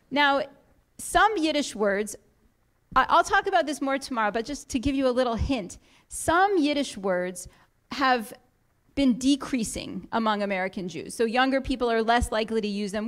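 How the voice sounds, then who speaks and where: A woman giving an explanatory talk to a congregation in a synagogue, lightly humorous and full of quoted examples. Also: fairly high pitch. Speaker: guest speaker. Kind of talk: lecture to a congregation.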